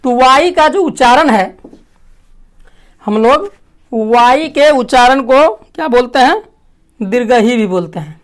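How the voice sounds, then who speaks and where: A woman teaching a language lesson, asking questions and answering them herself, clearing her throat often. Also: on the high side, expressive, slow pace, pauses often. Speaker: English teacher. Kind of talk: classroom lesson.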